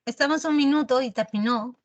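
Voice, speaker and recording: Woman teacher, slangy and teasing, online class, higher voice. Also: brisk, highs cut off.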